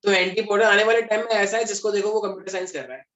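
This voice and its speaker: A man's voice: high-pitched, flat delivery, very fast, a bit bright, muffled recording, slight background noise. A young man from Delhi teaching a class in a chatty, joking way, mixing in English terms. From Delhi, India. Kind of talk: classroom lecture. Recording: echoey classroom.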